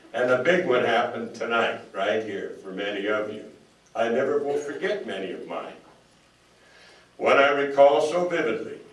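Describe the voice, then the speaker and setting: An older man giving a folksy, anecdotal speech to an audience in a hall. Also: mid-range voice. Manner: folksy, anecdotal, quotes others in voices. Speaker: speaker. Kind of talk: storytelling speech. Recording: echoey hall, mic at a distance.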